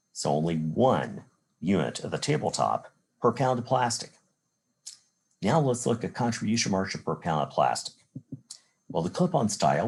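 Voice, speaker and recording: Low-pitched, with vocal fry, a darkish tone, and a breathy edge, this man is an instructor giving a recorded college lecture. He hails from the Chicago area, United States, speaks with an American accent, and works through examples step by step in a methodical way, using rhetorical "well" and "again."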